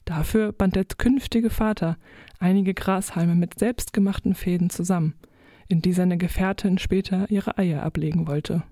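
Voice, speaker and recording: A woman reading a children's story aloud in a mellow, warm voice, gentle and expressive. She tells it in the first person as a little fish. The recording is close and dry, with no room sound. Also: lowish voice, moderate pace, dry recording. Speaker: narrator. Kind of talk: audiobook narration of a children's story.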